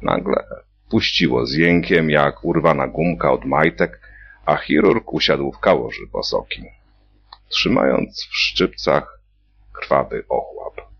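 A man reading a satirical story, narrating in a slow, playful way. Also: very deep voice, expressive, a bit bright, a little hiss or hum. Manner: slow, gravelly, playful voicing of characters. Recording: dull lo-fi recording.

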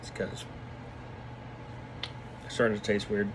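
A man in his twenties giving a casual, halting, laid-back product review while talking with a lip full of dip. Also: on the low side, completely flat delivery, noisy background. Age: 20s. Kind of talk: casual vlog review, off the cuff. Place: small room indoors. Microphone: phone at arm's length.

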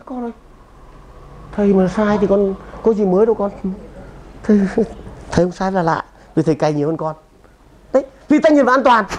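A man giving a lively seminar talk to an audience, emphatic and punchy, often firing questions at the room. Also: sits high. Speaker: seminar speaker and trainer.

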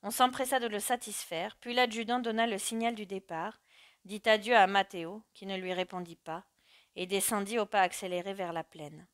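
A woman narrating a classic story in a measured, dramatic reading. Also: mid-range voice, fairly even intonation, no room sound, clean studio sound. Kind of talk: audiobook narration.

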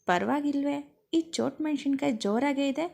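A kind young husband who coaxes and teases softly, talking in a quick, easy patter, as a woman storyteller puts him on. The voice is warm and mellow, sitting a little high. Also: gravelly. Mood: coaxing. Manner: soothing, coaxing, quick. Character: gentle teasing young husband.

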